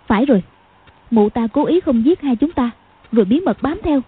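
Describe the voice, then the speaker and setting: Narrator voicing a worried middle-aged wife in an audiobook, breathy, fairly high. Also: female voice, animated, normal speed, heavily acted. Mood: anxious. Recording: muffled phone-like audio.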